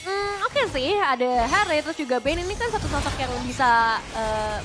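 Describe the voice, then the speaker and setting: Female Indonesian esports caster, high voice, conversational match commentary with music underneath. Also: lively intonation, moderate pace. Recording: music behind the voice.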